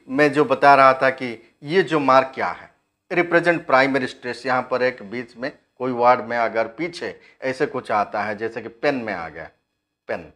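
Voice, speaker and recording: Slow-spoken Indian man teaching a lesson. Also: mid-range voice, fairly bright tone. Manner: explains step by step, asks the class questions and answers them; switches between two languages, reads English text slowly. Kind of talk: phonetics lesson.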